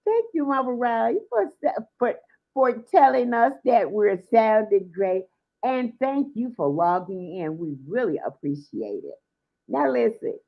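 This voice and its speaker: A bubbly woman hosts a live internet radio show, her voice swinging lively up and down as she chats and laughs. She talks through a computer mic on a video call. The stream audio is dull and lo-fi. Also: fairly high pitch, measured pace, creaky. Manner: bubbly, laughs often, chatty.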